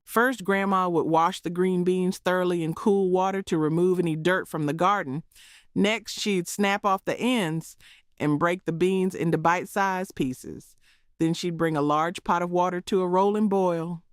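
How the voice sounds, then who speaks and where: A woman's voice: lowish voice, normal speed, clean tone, no room sound, studio quality. A woman with a Southern US accent narrating in a homespun, preachy storytelling manner, as if passing on cooking wisdom from a script. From southern United States.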